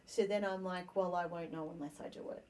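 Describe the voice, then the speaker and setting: A woman with a fairly low voice talks through ideas in a relaxed podcast conversation. She is lively and acts out snippets of her own thinking as little quoted scenes. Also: a little fast, a little hiss or hum. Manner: animated, acts out quoted inner dialogue. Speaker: podcast host. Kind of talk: casual conversational chat.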